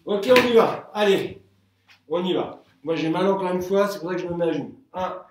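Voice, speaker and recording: A man teaching a relaxed live workout class at home, counting reps aloud and joking with viewers. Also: high voice, a little fast. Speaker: Krav Maga instructor. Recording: echoey room, from far off.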